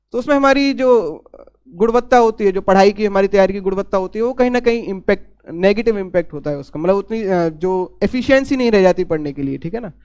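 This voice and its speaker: A young man talks through study advice in an earnest, casual way. His voice sits high and sounds smooth and clear, and he often pauses on fillers and restarts mid-phrase. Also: darkish tone. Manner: earnest, repeats himself, frequent fillers and restarts. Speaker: exam topper giving advice.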